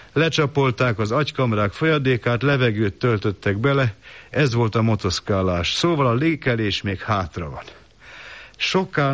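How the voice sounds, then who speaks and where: A man reading a first-person literary story in a measured, calm, reflective way, on a dull lo-fi recording. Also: mid-range voice. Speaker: narrator.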